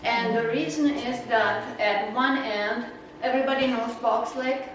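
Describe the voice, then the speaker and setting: At a measured pace, a woman from the Czech Republic with a Czech accent gives a naturalist club an easygoing, meandering slide talk laced with fillers and laughs. Her voice is fairly high and a bit bright. The meeting room echoes, there's noise, and she sounds distant.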